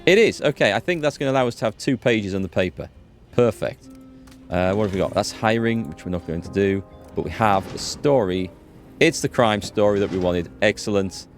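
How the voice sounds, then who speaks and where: With music running underneath, this gaming video host talks in an expressive, lowish voice at a fairly quick clip. He's giving relaxed let's play commentary, explaining and reasoning out loud.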